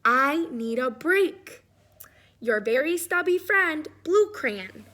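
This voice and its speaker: Storybook crayon, small, overworked and weary, fairly high voice, played by a woman reader. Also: expressive, slow, a bit bright, full character voice. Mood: weary, pleading. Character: worn-out short stubby Blue Crayon, overworked favorite.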